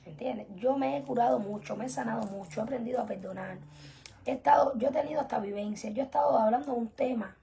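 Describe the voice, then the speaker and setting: A young woman teaching an online religious class, earnest and emphatic, often dropping to soft whispered asides. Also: a little high, fast talker, creaky. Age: young adult. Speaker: spiritual teacher.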